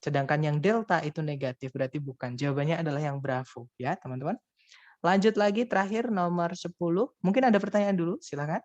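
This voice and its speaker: A man's voice: on the high side, quick pace, darkish tone, dry recording. Patient male teacher, dull lo-fi call audio. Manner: patient, explains step by step with fillers. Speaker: English teacher. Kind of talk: online class explanation. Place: online class session.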